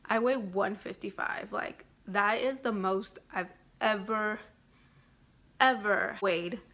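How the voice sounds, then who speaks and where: A woman's voice: mid-range voice, takes it slowly, a bit bright. A woman giving a casual vlog update, rambling and filling her talk with "like" constantly. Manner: rambling, fills speech with "like". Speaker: vlogger.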